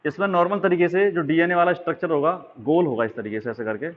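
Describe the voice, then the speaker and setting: A man's voice: fairly high pitch, fast. Man teaching over a tinny line. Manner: explaining while drawing diagrams, frequent check-ins. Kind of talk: exam-prep biology lesson. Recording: tinny phone-like sound.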